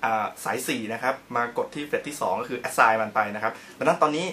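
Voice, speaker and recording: A man's voice: medium pitch, fast, pushed and bright, slight background noise. A man teaching in a casual instructional video, chatty and polite, explaining each step while he demonstrates on the guitar and records himself on his own camera. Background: guitar playing.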